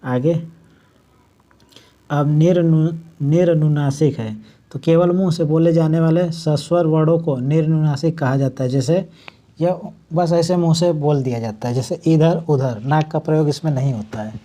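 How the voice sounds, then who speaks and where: Preparing students for an exam, a male teacher covers Hindi grammar methodically, simplifying each explanation after giving it. Example words come out slow and drawn out. His fairly high, warm, mellow voice keeps a fairly even intonation.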